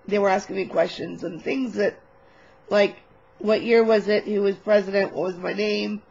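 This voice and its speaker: A woman vlogger telling a personal story in a casual, animated, candid way, swearing now and then, on a webcam mic. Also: mid-range voice, normal speed, creaky, husky, dull audio.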